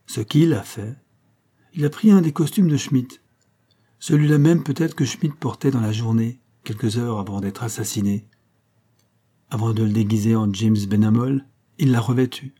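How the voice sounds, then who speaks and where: A shrewd, calm detective who speaks in a measured, probing way in an audiobook, as a male narrator reads him. The voice is dark and husky. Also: medium pitch, natural voice. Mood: decisive. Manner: composed, probing, decisive.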